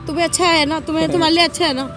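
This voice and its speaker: A woman's voice: extremely high pitch, fairly even intonation, racing. A woman arguing casually with her boyfriend outdoors in a park, sulky and accusing. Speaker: girlfriend in prank video. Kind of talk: casual argument. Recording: very loud background music.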